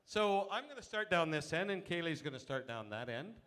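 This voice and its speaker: A man's voice: on the high side, sing-song, fairly quick, fairly bright tone. A man hosting a pageant, announcing contestants and putting questions to them on stage in an echoey hall with an audience. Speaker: pageant host.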